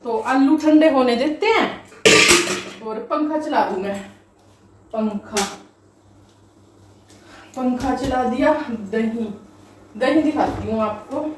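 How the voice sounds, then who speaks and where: Brief: woman, 30s, homely vlog chatter, slightly high voice, roomy echo and fan hum. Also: slow, pauses often. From Haryana, India. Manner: homely, chatty, talks to viewers directly. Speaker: housewife vlogger. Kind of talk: casual home vlog chat. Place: home kitchen, indoors. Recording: echoey room with fan hum. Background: ceiling fan noise.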